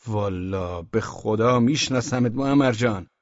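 A man's voice: lowish voice, no echo, highs cut off, close to an everyday voice. A man voicing a patient, evasive friend who keeps reassuring the speaker in an audiobook. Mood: placating. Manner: placating, hedging replies.

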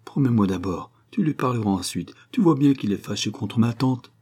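A man's voice: mid-range voice, expressive, moderate pace, dark tone, husky. A man voicing a tearful ten-year-old girl in an audiobook, pleading and insistent.

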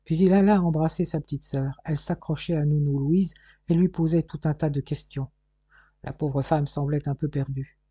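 Man reading an audiobook, dark mellow husky voice, measured, dry close mic. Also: on the high side, steady tone, dry recording. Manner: measured storytelling. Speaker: audiobook narrator. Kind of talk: scripted narration.

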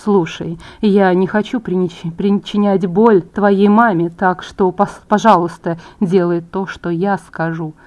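A smooth-talking male villain, voiced by a woman reading a storybook audiobook. He speaks slowly and quietly, keeping a cool, threatening calm. The menace stays under the surface. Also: on the low side, natural voice. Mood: cold menace.

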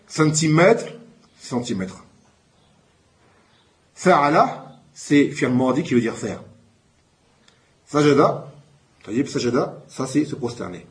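Man teaching Arabic vocabulary in French. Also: mid-range voice. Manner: explains slowly, switches between French and Arabic words; calls out each new word louder before explaining it. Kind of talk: classroom lesson.

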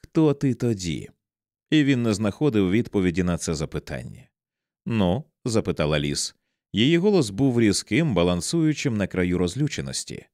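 Low-voiced male audiobook narrator. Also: very animated, a little fast, a little mellow, no room sound, clean studio sound.

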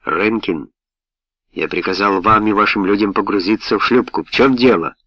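A man's voice: fairly low pitch, normal speed, bright, forceful tone, no room sound. A man playing a stern ship's officer barking orders. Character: stern bearded male ship's officer, commanding. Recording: dull, dry lo-fi recording.

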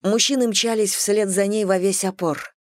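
A woman reading a fantasy story aloud in steady, scripted narration. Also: medium pitch, moderate pace. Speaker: audiobook narrator.

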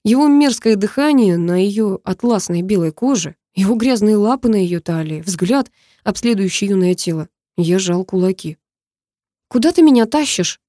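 A woman narrating a story in the first person, in a measured and intimate way. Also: mid-range voice, dark tone, dry recording, clean studio sound. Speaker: audiobook narrator.

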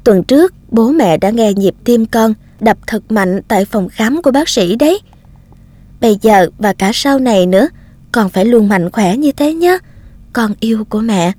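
A woman's voice: on the high side, expressive, moderate pace, no echo. A woman voicing a loving young mother writing tender letters to her baby. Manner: tender, softly reading out letters.

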